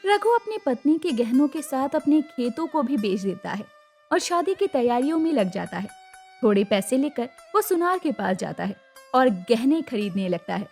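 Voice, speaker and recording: A woman narrating a cartoon moral story in a dramatic, expressive way. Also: sits high, normal speed, breathy edge, faint music behind.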